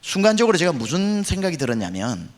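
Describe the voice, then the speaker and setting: Lively preaching Korean pastor. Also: male voice, a little high, fast talker, in a large hall. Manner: dramatic storytelling, acts out quoted voices. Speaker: senior pastor. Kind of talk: revival sermon. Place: church revival meeting.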